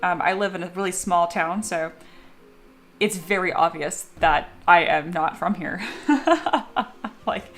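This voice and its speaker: Sculpting in her home studio, a young adult woman live streams and chats in a relaxed way, often laughing as she reads viewers' messages aloud. She speaks at a measured pace with a fairly low, fairly bright voice and fairly even intonation.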